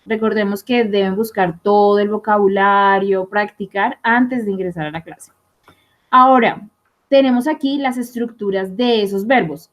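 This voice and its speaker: A young adult woman gives a recorded online English lesson. Her voice sits a little high, and she talks her students through each rule with frequent rhetorical check-ins. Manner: explanatory, asks rhetorical checks like "¿listo?" and "¿sí?". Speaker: English teacher.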